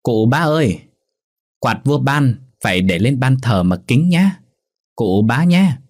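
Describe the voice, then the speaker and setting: A man voicing a cheeky, quick-witted young peasant in a folk storybook tale, teasing and mocking. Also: fairly low pitch, big pitch swings, a little mellow, husky.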